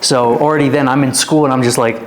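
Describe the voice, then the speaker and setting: A Canadian fitness influencer in his twenties rambles through his life story on a podcast, peppering it with "like" and other fillers. He speaks fast in a mid-range voice with fairly even intonation. The recording is low quality, and the format is a casual storytelling interview.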